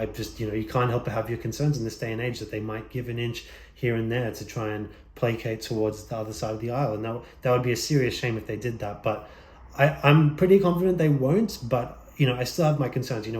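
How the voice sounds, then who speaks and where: A man's voice: medium pitch, a little mellow. Pensive man in an echoey room. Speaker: YouTube commentator. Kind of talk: unscripted opinion monologue to viewers. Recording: echoey, roomy sound.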